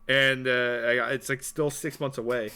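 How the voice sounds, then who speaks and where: A man's voice: mid-range voice, flat delivery, measured pace, bright, forceful tone, clear, resonant tone. A young man co-hosting a podcast, telling stories in a loose, rambling, profane way with lots of fillers. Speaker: podcast co-host. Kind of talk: casual chat.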